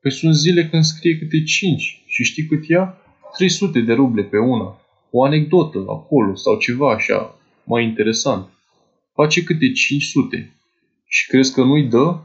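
A man's voice: mid-range voice, lively intonation, close to an everyday voice. Man voicing a gossipy old clerk, chatty and doting, dull old recording. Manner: chatty, confiding, addresses a young woman fondly. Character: poor older male clerk, fussy, doting, gossipy. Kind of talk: dramatized literary monologue.

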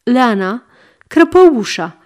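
A woman narrating a literary story in a measured, dramatic way. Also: fairly high pitch, sing-song.

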